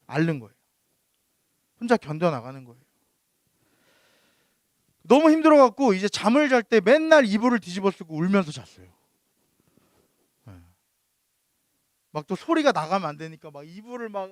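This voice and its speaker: A man in his thirties preaches to a youth group in a high, light voice. He speaks into a close, dry mic with no room sound, and his tone stays conversational as he tells his story and keeps asking his young listeners questions. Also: dry recording. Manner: personal storytelling to teenagers, asks them questions. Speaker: youth pastor. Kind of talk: sermon.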